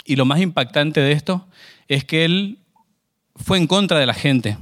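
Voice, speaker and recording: A man's voice: fairly high pitch, a little slow, fairly bright tone. A man preaching a sermon in a conversational way, often asking the congregation questions.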